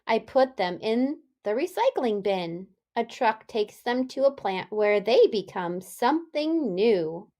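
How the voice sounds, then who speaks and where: Here a female elementary teacher leads an animated read-aloud for young kids, built around questions. Her voice is slightly high, and she speaks very slowly and deliberately.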